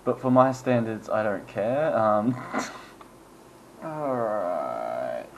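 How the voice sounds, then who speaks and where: A man's voice: lowish voice, big pitch swings, very slow, slight background noise, poor audio. A man giving casual, rambling gameplay commentary, chuckling and making self-deprecating asides as he goes. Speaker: gaming channel host.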